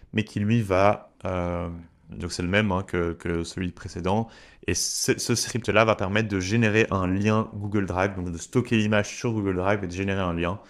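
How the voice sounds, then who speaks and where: Give me a man, explaining software step by step to his viewers. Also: sits low. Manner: chatty, addresses viewers directly, walks through steps. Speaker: tutorial creator. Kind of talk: screen-share software tutorial.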